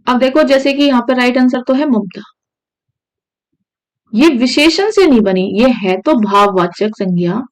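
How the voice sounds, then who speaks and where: A woman's voice: on the high side, expressive, measured pace, poor audio. A woman teaching Hindi grammar for exam prep, checking in with her students as she explains. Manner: repeats "ठीक है" often, asks students questions.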